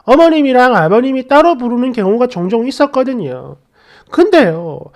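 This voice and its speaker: A middle-aged woman narrating a first-person family story, indignant and confiding, addressing the listener directly. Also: sits high.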